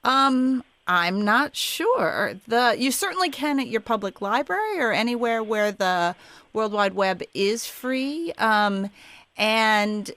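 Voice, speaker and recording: A woman's voice: on the high side, lively intonation, takes it slowly, a bit bright, no room sound. A woman with an Australian accent, a studio guest on a radio talk show, explaining things in a hesitant way.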